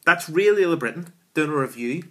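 A man's voice: fairly high pitch, lively intonation, brisk, pushed and bright. A man, reviewing a beer at home in a chatty, enthusiastic way with lots of fillers, filmed with a camera at arm's length. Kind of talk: casual beer review vlog. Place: small room at home, indoors.

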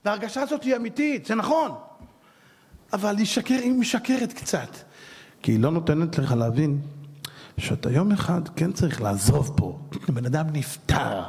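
Animated high-voiced rabbi in a reverberant hall. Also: male voice, vocal fry. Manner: animated, dramatic storyteller who rises to shouts for emphasis. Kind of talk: lively sermon with humorous stories.

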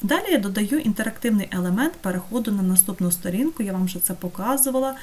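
A woman teaching an online course, talking through a screen-recorded software tutorial step by step and checking in with her students. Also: mid-range voice, lively intonation, quick pace. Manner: patient, step-by-step, checks in with "так?".

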